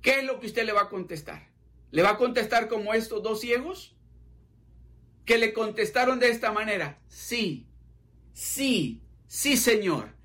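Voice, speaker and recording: High, bright-voiced preaching pastor. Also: male voice, moderate pace. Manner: fervent, repetitive preaching. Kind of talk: sermon.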